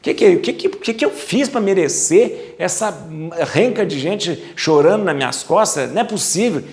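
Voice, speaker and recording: A man's voice: high-pitched, animated, moderate pace, darkish tone. A man voicing an exasperated prophet Moses who pleads and complains to God, with a Brazilian accent. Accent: Brazilian Portuguese. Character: exasperated old male prophet Moses, fed up.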